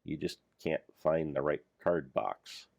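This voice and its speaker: A man's voice: extremely low pitch, steady tone, slow, gravelly, a little mellow, no echo, clean studio sound. An older man giving rambling, self-deprecating commentary over his gameplay of a Minecraft mod pack. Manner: meandering, self-deprecating, jokey.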